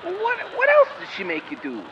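A man's voice: very high-pitched, huge pitch swings, fairly quick, vocal fry, full character voice. A man playing a fussy, flustered well-off party host in an old-time radio drama, fretful and exasperated. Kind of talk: 1940s radio acting. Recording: muffled lo-fi sound with loud background noise.

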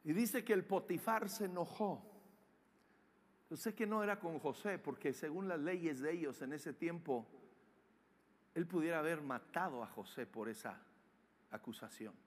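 A man preaching a sermon, acting out scenes with shouts and sound effects. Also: a little high, moderate pace, pauses often, a little hiss or hum. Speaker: pastor.

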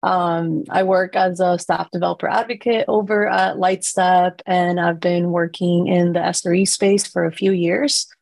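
A cheerful woman from Costa Rica introducing herself to a panel in a brisk way. Her low voice has a gravelly fry, and the sound is close and dry. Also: fairly even intonation, darkish tone, no room sound. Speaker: guest, developer advocate. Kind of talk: self-introduction in panel chat.

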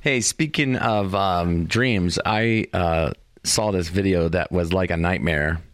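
Deep-voiced man telling stories. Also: slow pace, dry recording. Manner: relaxed, joking storyteller. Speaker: podcast co-host. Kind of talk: casual chat.

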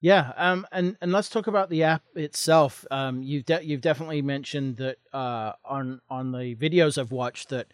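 Mid-pitched male host, dry close recording, stop-start questioning. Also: no echo. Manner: halting, many restarts and fillers. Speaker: interviewer host. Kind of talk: conversational interview.

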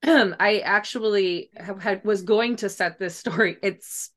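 A woman, a guest author in an interview, talks casually, chatty and loose, hedging and often saying "like" and "kinda." Her mid-range voice is fairly bright, and she takes it slowly.

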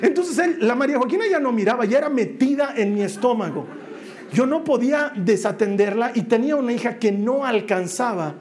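A man giving a sermon, telling a family story in a lively way and acting out the voices of the people in it. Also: very high-pitched, a little fast, a little hiss or hum. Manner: animated storyteller who acts out family voices. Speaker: preacher.

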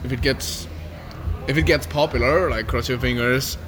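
A man's voice: medium pitch, steady tone, normal speed, over music. A young man hosts a casual, laid-back podcast chat over beers, swearing and dropping New Zealand slang. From Iceland. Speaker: podcast host.

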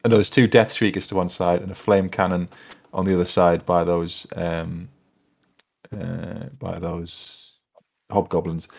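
A man's voice: low voice, level tone, unhurried, vocal fry, a little mellow. A man casually recapping a tabletop battle, rambling and self-deprecating as he thinks aloud. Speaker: tabletop wargame player recapping games. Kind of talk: casual chat.

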